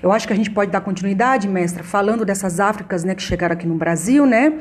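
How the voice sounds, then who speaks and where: Brazilian woman hosting, middle-pitched voice. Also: fast talker. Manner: frequent "né" tags. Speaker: host. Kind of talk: podcast hosting, introductions and conversation.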